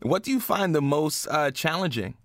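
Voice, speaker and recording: Male interviewer, slightly high voice, dry sound, halting questions. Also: expressive, no room sound. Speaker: interview host.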